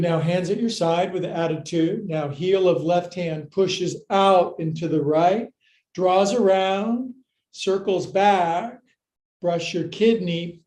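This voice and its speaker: A man's voice: high-pitched, mellow. A man teaching a live yoga class, cueing moves with playful jokes and counts. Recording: echoey room.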